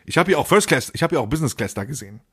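A man's voice: a little high, lively intonation, very fast, fairly bright tone, husky. A man hosting a podcast, telling a comedic story in crude street slang and acting out the lines he quotes. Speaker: podcast host.

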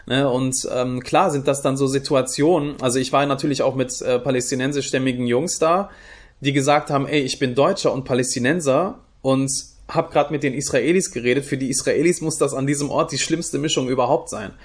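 A man's voice: mid-range voice, steady tone, a little fast. A young adult man from Germany answering interview questions in a thoughtful way, with many fillers and restarts. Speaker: guest, youth project leader.

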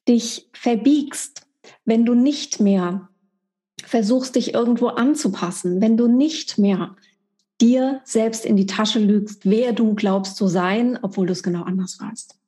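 A woman's voice: fairly high pitch, slow pace, long pauses, mellow. A middle-aged woman giving a monthly spiritual energy forecast, speaking directly and emphatically to the listener as a coach.

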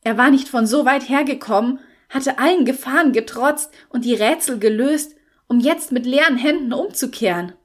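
A woman narrating a fantasy audiobook in a measured storytelling style. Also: high voice.

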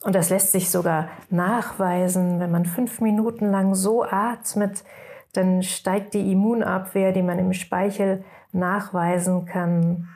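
A woman leading a guided meditation in a slow, soothing way, at times dropping into soft whispers. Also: mid-range voice.

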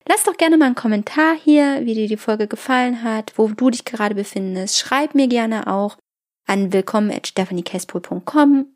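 A woman hosting a podcast, speaking to the listener in a calm, reflective self-help monologue and sometimes dropping to a soft whisper. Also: on the high side, moderate pace. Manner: calm, addresses the listener directly, drops to a soft whisper at times. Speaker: podcast host.

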